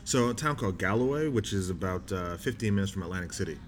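Low-voiced young man explaining calmly. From New Jersey, with Bahamian family. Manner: measured and explanatory, with filler words. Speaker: guest, doctor in training. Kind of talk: casual interview answers. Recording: noisy recording.

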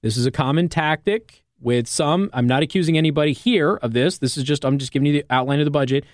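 Speaking fast in a slightly high voice, an American radio talk show host walks listeners through topics conversationally, checking in often with "okay?" or "all right?" The close studio mic gives clean sound with no echo.

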